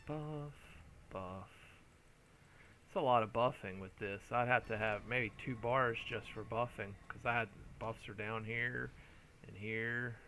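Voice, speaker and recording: A man's voice: mid-range voice, unhurried, pushed and bright, slight background noise. A tired man streaming a game, rambling and thinking aloud with restarts and hums as he plays. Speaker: streamer playing an online game. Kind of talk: casual gameplay commentary.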